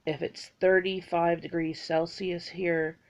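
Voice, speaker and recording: A woman's voice: lowish voice, level tone, slow pace. A woman, chatting casually through a list of facts about herself and rambling with fillers. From Bahamas. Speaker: vlogger.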